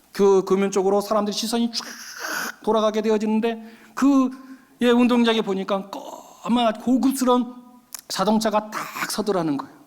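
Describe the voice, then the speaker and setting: A man preaches from the pulpit with a notably high-pitched voice, telling a story with animation and turning often to address his listeners. His words ring out with a long reverb in a church sanctuary. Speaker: pastor. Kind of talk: sermon.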